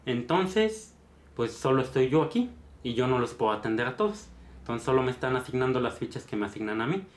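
A man's voice: medium pitch, big pitch swings, brisk, natural voice. Man doing a weary, dismissive Mexican doctor. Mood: resigned. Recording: roomy echo.

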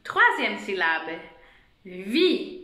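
A woman's voice: medium pitch, sing-song, drawn-out words, bright, forceful tone, roomy sound. A woman teacher, patiently dictating a sentence to a young child and spelling each word letter by letter. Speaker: primary school teacher.

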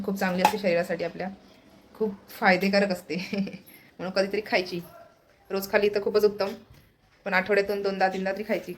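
A woman's voice: mid-range voice, a little hiss or hum. A woman chatting casually and teasingly at home for her vlog, laughing often. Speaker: vlogger. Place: home indoors.

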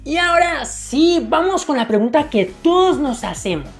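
A woman's voice: sits high, sing-song, normal speed. A woman narrating casual anime commentary in a slangy, jokey way with crude humor. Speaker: anime video essayist. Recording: faint music under the voice.

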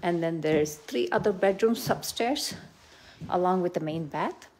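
This real estate agent, a middle-aged woman, has a fairly low, darkish voice and a measured pace. She films on a handheld phone while strolling through a house, offering loose, unscripted commentary and enthusiastic compliments about the rooms.

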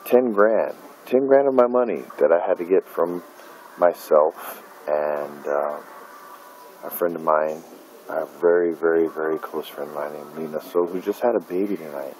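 A middle-aged man who makes independent films rants angrily in a personal vlog, recording himself at night on a phone held close in a dim room. He swears bitterly and uses plenty of fillers in a bass, darkish voice at a moderate pace. The low-quality recording has a little hiss or hum.

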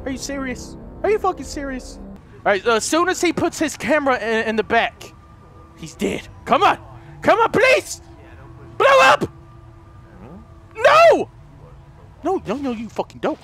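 High-voiced frantic gamer man. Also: normal speed, faint music behind. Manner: shouts and curses at the game, excitable. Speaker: gaming video host. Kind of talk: frantic gameplay commentary.

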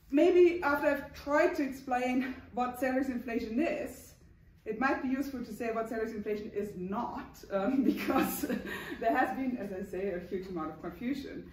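A woman with a German accent explains her points at a panel in a halting, searching way. Her voice sits fairly high. It is picked up from some distance in a very echoey conference room, with a little noise. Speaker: academic panel speaker. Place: mid-sized wood-panelled conference room, indoors.

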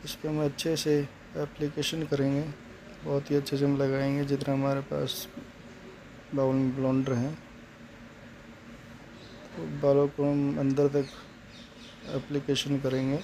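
With a mellow, mid-range voice, a man walks through a hair coloring job in an unhurried monotone, pausing often. It's a plain, explanatory salon tutorial in which he repeats the steps, and there's slight background noise.

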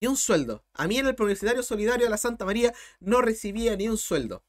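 Young Chilean male tutor, high voice, blunt, fired-up livestream talk. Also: lively intonation. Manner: blunt, impassioned, talks fast. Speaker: math tutor streamer.

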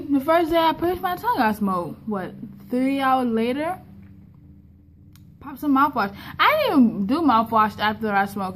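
A young woman vlogging casually with plenty of swearing, her speech slightly impeded and lisping from a new tongue piercing. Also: fairly high pitch. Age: young adult. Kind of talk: casual, profane vlog chat. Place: indoors in a kitchen. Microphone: phone at arm's length. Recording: clear background room noise on phone recording.

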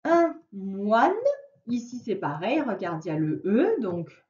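A woman's voice: medium pitch, very animated, slow pace, a little mellow. A woman teacher giving a patient reading lesson to a young child, sounding out words syllable by syllable. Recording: roomy, distant, dull lo-fi sound.

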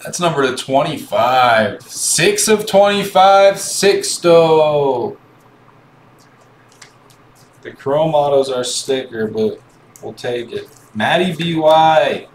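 A man hosting a live card break, calmly calling out each card as he opens packs and chatting with viewers. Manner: slow, low-key calling of cards while chatting to viewers. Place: indoor room with card boxes on a table. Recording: echoey room with faint background noise.

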